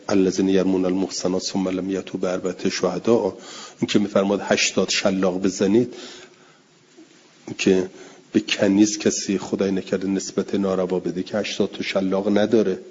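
A man teaching a religious text in class, reading Arabic passages aloud and then explaining them in Persian, slowing down and repeating key words. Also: low-pitched, dark tone, husky, big-room sound. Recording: dull lo-fi recording.

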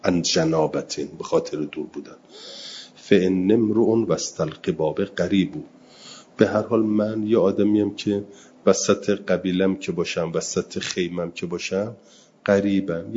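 A man with a very low voice teaches a seminary lesson on Quranic grammar. He reads Arabic slowly and deliberately, then explains each point quickly in everyday Persian. The recording sounds slightly muffled, with faint background noise. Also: a little mellow. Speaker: religious studies teacher.

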